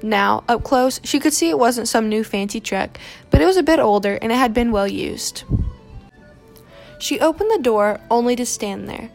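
A woman narrating a romance novel aloud in a steady, measured reading voice. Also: a little high, gravelly, soft background music. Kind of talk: scripted audiobook narration.

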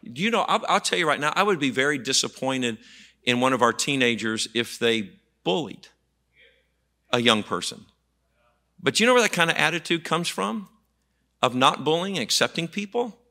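A man's voice: mid-range voice, animated, moderate pace, bright, forceful tone. A man pastor preaching a folksy, emphatic sermon, often repeating words as he builds his point.

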